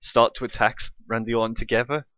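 A man's voice: medium pitch, little pitch movement, fast, clear, resonant tone, no room sound, muffled recording. A young man co-hosting a podcast, recapping a wrestling show play by play in casual chat and swearing freely. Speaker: podcast co-host.

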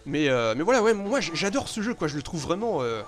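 Excitable man commenting on gameplay. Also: on the high side, a little fast. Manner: excitable, swears often, sudden loud outbursts then mutters. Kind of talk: live video game commentary.

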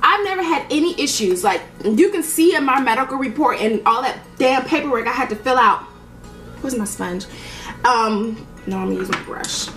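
Animated, blunt woman with a bright voice. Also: a little high, moderate pace, reverberant, soft background music. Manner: animated, blunt and profane, acts out quoted dialogue. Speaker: beauty vlogger. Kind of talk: casual storytime chat while doing makeup.

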